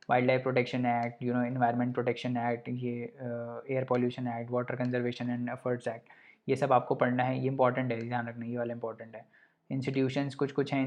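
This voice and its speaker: A young man teaching in a casual, conversational way, dropping English terms into his Hindi. His pitch stays level and steady with little rise or fall. He checks in with the listener after nearly every point. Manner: repeats "theek hai" to check in, mixes English terms into Hindi. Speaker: exam coaching presenter. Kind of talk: casual explanatory lesson.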